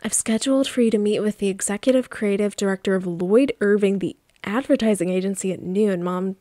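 A bossy, controlling rich mother gives curt commands in a quick, brisk voice, read out by a woman streaming a game. The pitch stays middling and the sound is dry and close. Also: warm tone, no room sound, lightly acted. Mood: stern.

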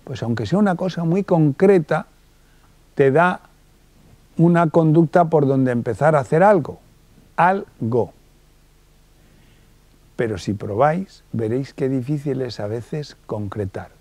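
Mellow-voiced man lecturing. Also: medium pitch, expressive, unhurried, pauses often, no echo. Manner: colloquial, acts out little dialogues in different voices. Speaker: psychologist giving a conference talk. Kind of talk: lively public lecture.

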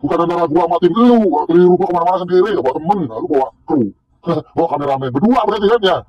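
Husky man mocking on a lo-fi vlog. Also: high-pitched, rapid-fire. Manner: mocking, scornful, taunting with laughs. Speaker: vlogger. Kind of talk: casual rant to camera. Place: outdoors by a tree near a corn field. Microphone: self-recorded on a handheld camera or phone.

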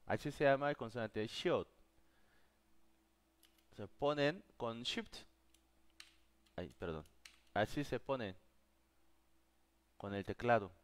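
A man's voice: mid-range voice, takes it slowly, long pauses. A man with as his teaching a live online class, patiently answering viewers' questions. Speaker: Korean teacher.

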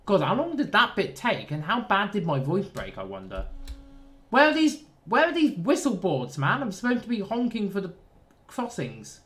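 A man's voice: sits high, wildly swooping pitch, normal speed, fairly bright tone. Nasal southern english guy, rambly and self-mocking, chatting through a train sim. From southern England. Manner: rambling, self-deprecating, jokey asides. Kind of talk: casual gameplay commentary.

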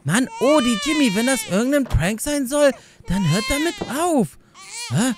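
A young man doing excited let's-play commentary as a gaming YouTuber, talking straight to his viewers with lots of exclamations. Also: very high-pitched, normal speed. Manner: animated, exclamatory, addresses viewers directly.

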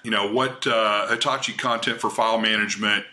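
A middle-aged man speaking on a video-call panel discussion, measured and hesitant, with frequent fillers. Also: fairly low pitch, steady tone, bright, forceful tone. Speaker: panelist from a cloud provider. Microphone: webcam on a video call.

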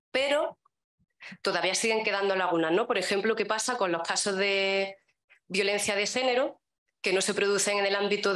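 A woman with a Spanish accent moderating a conference session, putting questions to the speaker in a measured way. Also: mid-range voice, a bit bright, roomy sound.

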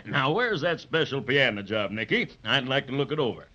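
An actor playing a jolly, brisk, kindly old Santa Claus in a 1930s children's radio play. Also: male voice, mid-range voice, sing-song, sharp tone. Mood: genial. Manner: hearty, chuckling. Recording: muffled 1930s radio recording.

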